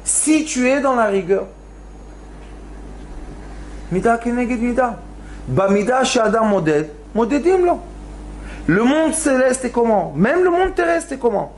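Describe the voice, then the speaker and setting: A man's voice: very high-pitched, very animated, unhurried, long pauses, darkish tone, a little hiss or hum. A man giving a Torah lesson as a rabbi, telling stories and acting out pleading cries, with Hebrew words mixed into his talk. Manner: storytelling, acts out pleas with rising cries. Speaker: rabbi teaching a Torah class. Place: lecture hall.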